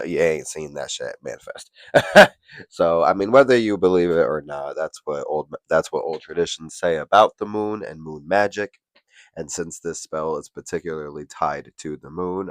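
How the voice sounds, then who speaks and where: Nasal, stuffed-up man hosting a casual spell tutorial, very deep voice, dry close sound. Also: no room sound. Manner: chatty, profane, self-deprecating. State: congested from allergies. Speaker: witchcraft channel host.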